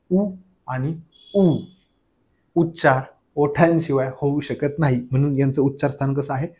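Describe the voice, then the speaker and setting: A male teacher with a mellow, somewhat high voice leads a grammar revision lecture for an exam. He drills the material by posing questions and answering them himself, again and again.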